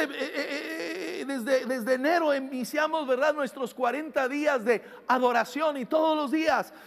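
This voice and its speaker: A pastor, preaching a sermon in Spanish, speaking directly to his congregation and building up to passionate shouting. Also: extremely high pitch. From United States.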